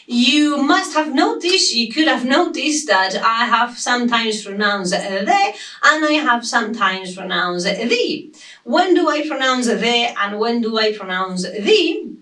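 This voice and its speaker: Slow, emphatic woman teaching English. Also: a little high, bright, forceful tone, distant mic. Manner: slow, emphatic, repeats example sentences. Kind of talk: online English grammar lesson. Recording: roomy echo, voice off-mic.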